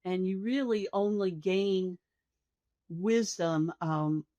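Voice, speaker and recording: Reflecting on interview questions, an older hospice nurse speaks in a soft, slow, measured and thoughtful manner. She has a mid-range voice, and there's no room sound.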